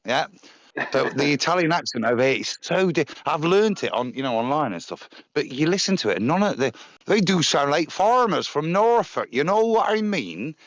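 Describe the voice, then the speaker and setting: On a live stream panel, an English man with a Nottingham accent chats casually and tells rambling stories, complete with impressions. His voice swings broadly in pitch at a moderate pace, recorded dry.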